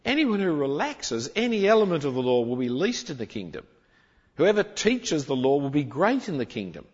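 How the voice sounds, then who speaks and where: Male preacher, husky, lively rising and falling pitch, slightly high voice, muffled long-echo hall recording. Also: normal speed. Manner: animated, emphatic, shifts between loud and quiet. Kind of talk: sermon.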